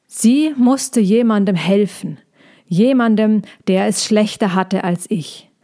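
A woman voicing a young male dragon in a storybook reading, speaking in a proud, firm, unhurried way. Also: medium pitch, warm tone, lightly acted.

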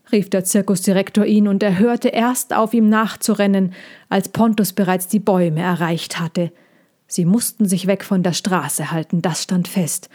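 A woman narrating a children's storybook in a calm, measured reading voice. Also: medium pitch.

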